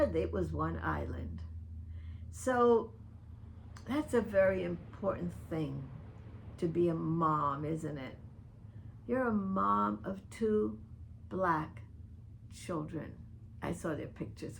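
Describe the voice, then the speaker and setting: An older Dominican woman, a vlogger, records a personal open-letter video monologue aimed at a public figure, addressing that one listener by name in an earnest, pointed way. Her voice runs fairly low, with vocal fry and a slight hiss or hum.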